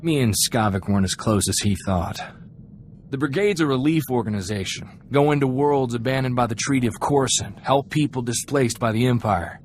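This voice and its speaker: Playing a young, idealistic freighter crewman for a video game, an actor uses a mid-range voice at a fairly quick pace with a light touch of acting. The character sounds earnest, folksy and chatty, in a reflective, sincere mood, and ambient noise is clearly audible behind him.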